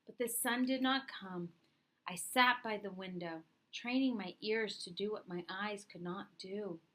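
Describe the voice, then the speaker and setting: Reading a picture book aloud, a woman narrates a children's story in a bright, forward, mid-pitched voice. She delivers it expressively and deliberately, shaping each phrase with storyteller drama.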